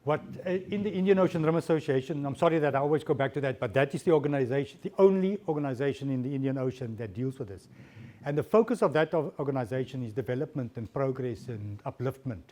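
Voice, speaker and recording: A man's voice: medium pitch, animated, fast, mellow. A man, a diplomat answering audience questions at a guest lecture, often repeating words as he searches for phrasing. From South Africa.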